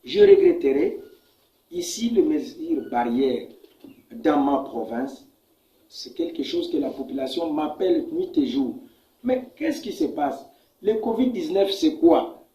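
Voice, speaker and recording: A man from the Democratic Republic of the Congo responds to an interviewer as a political leader, speaking emphatically with a Congolese accent and repeating himself. His fairly high voice is animated, a little slow and dark in tone. The audio is muffled and echoey, with faint background noise.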